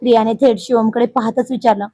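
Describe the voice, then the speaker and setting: A woman's voice: fairly high pitch, steady tone, fast talker, warm tone, dry recording, poor audio. A woman narrating a dramatic family story in an emotive storyteller's manner.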